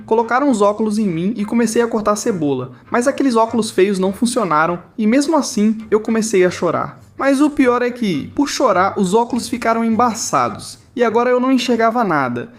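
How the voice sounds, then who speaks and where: Animated man narrating comic stories. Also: high voice, a little fast, hardly any pauses. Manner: animated, exaggerated comic delivery. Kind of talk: scripted comedic story narration.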